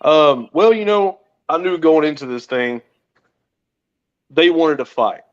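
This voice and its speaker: A man's voice: fairly high pitch, lively intonation, unhurried, clear, resonant tone, muffled recording. A man, a wrestler guest, answering questions in a matter-of-fact, confident way. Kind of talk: interview answers.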